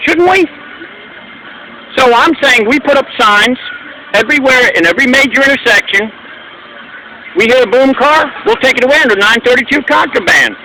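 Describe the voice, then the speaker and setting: An American man, a street interviewer and activist, argues persistently in casual street talk, repeating his questions and phrases. His voice is extremely high, animated and sharp, at normal speed with frequent pauses, recorded noisily outdoors with traffic.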